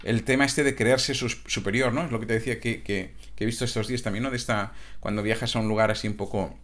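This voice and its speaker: A man's voice: fairly low pitch, fairly even intonation, fast, fairly bright tone. A man from Catalonia, a coach talking in a casual, reflective monologue that stumbles over restarts and tag questions. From Catalonia, Spain.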